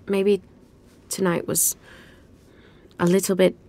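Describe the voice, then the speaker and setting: An actress playing a prim, guarded young noblewoman with a dry, measured way of talking. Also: fairly low pitch, little pitch movement, dark tone.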